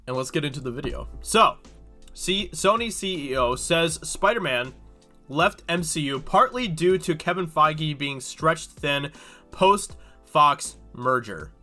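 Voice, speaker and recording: Soft music plays behind this YouTube host, whose fairly high voice is animated and sharp at a measured pace. Congested from a cold, he rambles casually through a news article, adding plenty of fillers as he reads and reacts.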